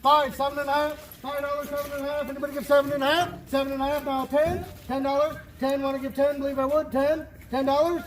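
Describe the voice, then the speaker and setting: A man's voice: very high-pitched, flat delivery, fast, hardly any pauses. A man working as an auctioneer, repeating bids and asking prices in a singsong chant. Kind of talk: singsong repetitive auctioneer bid-calling. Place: live auction sale. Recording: clearly noisy live auction recording.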